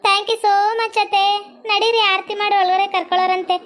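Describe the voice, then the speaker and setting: A woman's voice: extremely high pitch, flat delivery, moderate pace, a bit bright. A woman voicing a whiny, melodramatic young bride. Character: young new bride Sweety, whiny and dramatic.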